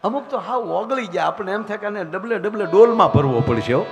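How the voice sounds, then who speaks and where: A high-voiced man tells rustic comic stories as a folk comedian. He acts out the voices in his tales with animated delivery. His voice rings with a long hall reverb. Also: fairly quick, over music. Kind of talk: live comic storytelling.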